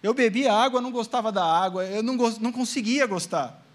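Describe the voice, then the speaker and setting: A man's voice: very high voice, fast talker. A Brazilian man preaching a sermon, telling a personal testimony in a storytelling way and speaking straight to the congregation. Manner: storytelling, acting out his own past prayers and quotes; addresses the congregation directly, asking amen. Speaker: pastor.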